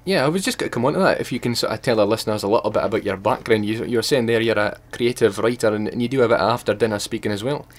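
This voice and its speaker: A man's voice: lowish voice, racing, hardly any pauses. A man, putting questions to a guest as a radio interviewer.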